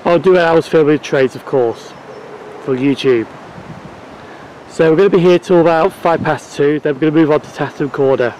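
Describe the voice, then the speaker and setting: A man with a fairly high voice talks casually as a vlogger. He gives running commentary outdoors, with faint station noise behind him. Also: moderate pace, a little mellow, poor audio. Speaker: vlogger filming trains.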